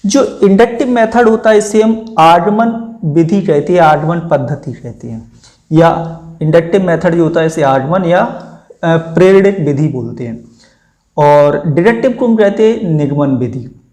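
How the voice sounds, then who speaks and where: A man's voice: a little high, expressive, a little mellow. Man teaching English exam prep. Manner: reads English options slowly, then explains in Hindi; addresses viewers as friends. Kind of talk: exam-prep lesson explaining questions.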